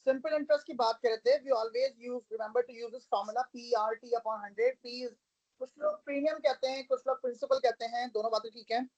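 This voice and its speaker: In this muffled, dry recording of a math lesson, a woman speaks at a normal pace in a slightly mellow, higher-pitched voice. She goes step by step, patiently confirming her students follow by asking check questions and calling them "beta," with English woven into what she explains.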